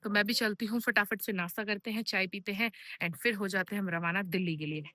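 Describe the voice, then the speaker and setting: एक युवा गढ़वाली महिला व्लॉगर, जो दर्शकों से दोस्तों की तरह बातें करती हुई अपने गाँव से दिल्ली रवाना होने का हाल सुनाती है।. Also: female voice, medium pitch, fairly even intonation, fast, bright, forceful tone, no room sound. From Garhwal, Uttarakhand. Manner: chatty, addresses viewers as friends. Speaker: vlogger. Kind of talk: casual travel vlog.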